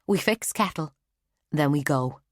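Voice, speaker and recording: A fierce, stubborn young novice from a fantasy audiobook, voiced by a woman, with an insistent, determined delivery. The voice stays in a fairly low register. The recording is dry and close. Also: expressive, unhurried, dry recording. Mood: urgent. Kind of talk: audiobook character voice.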